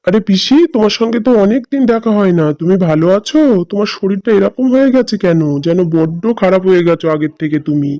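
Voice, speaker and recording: A friendly young nephew in a cartoon drama, voiced by a man. He speaks quickly, warmly and curiously in a high, mellow voice, with dry close sound. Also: animated, no echo, highs cut off. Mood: concerned. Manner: warm and inquisitive.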